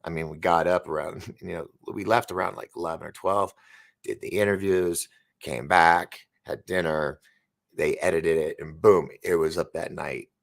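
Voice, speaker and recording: This San Francisco host in his fifties has a low, gravelly voice, a steady tone, and a moderate pace. On his live stream he chats and rambles while reading out viewer comments, stumbling over words at times. He is still recovering from an injury.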